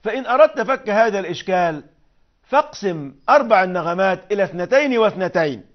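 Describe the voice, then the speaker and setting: A man teaching poetic meter, explaining patiently and chanting verses and meter syllables slowly. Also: high-pitched, animated, muffled recording. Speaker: Arabic prosody teacher.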